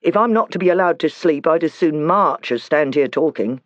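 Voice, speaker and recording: A man's voice: on the high side, animated, moderate pace, a bit bright, no room sound, muffled recording, voice pushed up. A man voicing a grumbling dwarf soldier. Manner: gruff and impatient.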